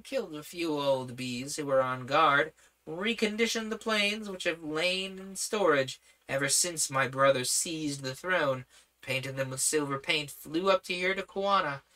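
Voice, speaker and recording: A man voicing an eager, boyish young prince who chatters excitedly in a storybook reading. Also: on the high side, poor audio. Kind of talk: audiobook character voice.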